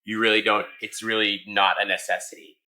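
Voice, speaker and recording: Very low-voiced chef, dry humor. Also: male voice, brisk, low-quality recording. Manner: relaxed, dry teasing humor. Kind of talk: casual chat. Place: restaurant kitchen.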